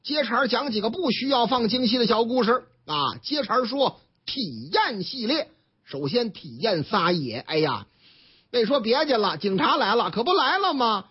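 Lively Beijing-accented male radio host. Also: very high-pitched, moderate pace, slightly rough. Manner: lively storytelling, acts out quoted characters with voice changes. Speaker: radio news commentary host. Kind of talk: chatty Beijing radio newspaper commentary. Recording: dull lo-fi radio broadcast.

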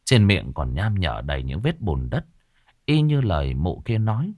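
A man's voice: low-pitched, sing-song, normal speed, darkish tone, no room sound, clean studio sound. Man telling a folksy ghost story.

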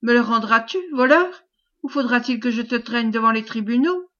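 An enraged, broke former soldier who shouts and hurls insults, as a woman reader puts him on. He pushes louder and higher when he accuses. The storybook audio is dull and lo-fi. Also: normal speed, lightly acted. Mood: furious. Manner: shouting, insolent. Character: furious penniless man, a bitter ex-soldier.

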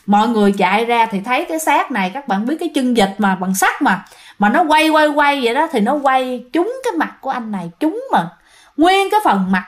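Female storyteller, casual and chatty, talks straight to listeners. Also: on the high side. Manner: chatty, addresses listeners directly, many fillers. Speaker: ghost story narrator.

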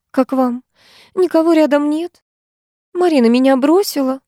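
A woman's voice: mellow, no room sound, studio quality, natural voice. A woman voicing a self-pitying, grasping poor widowed mother who whines and wheedles. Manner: whining, self-pitying, shrill.

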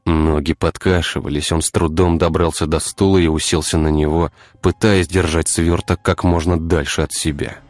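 A man narrating a dark audiobook story in a measured, even reading. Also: extremely low pitch, no echo.

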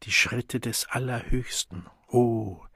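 An unearthly ceremonial voice from a storybook, put on by a male reader, solemn and hypnotic. It stretches its words out very slowly and slips into breathy whispers. The recording is close and dry. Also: mid-range voice, dark tone, dry recording, exaggerated voice. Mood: whispering. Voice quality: slow, drawn-out and swelling from whisper to trumpeting. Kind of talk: audiobook reading.

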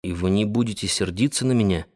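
A man reading the lines of a confident wealthy financier, speaking softly and persuasively. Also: lowish voice, fast talker, pitched below the performer's own voice, lightly acted. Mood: coaxing. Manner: soft, gently persuasive. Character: confident wealthy male financier, tender and coaxing.

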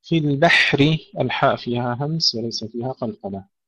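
A man teaching tajweed, slowly chanting verses and then explaining pronunciation points in quick remarks. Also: medium pitch, a bit bright, lo-fi sound. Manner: slow melodic Quran recitation alternating with quick explanatory remarks. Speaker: Quran recitation teacher.

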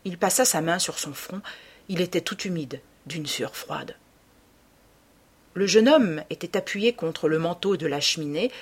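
A woman narrating a classic novel as an audiobook in a measured, dramatic reading style. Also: fairly low pitch, husky.

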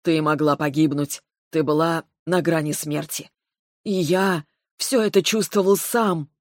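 A woman's voice: sits low, fairly even intonation, measured pace, dry recording, studio quality. A woman reading an angry, scolding male dragon. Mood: quiet concerned. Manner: gruff, scolding. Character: male dragon, protective, short-tempered, shouting.

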